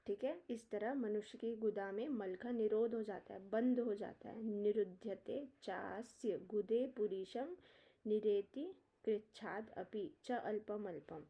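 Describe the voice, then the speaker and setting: A woman teaching an Ayurveda exam-prep lecture. She reads Sanskrit verses, explains them in Hindi with English terms, and gives memory tricks. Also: mid-range voice. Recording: dull lo-fi lecture recording.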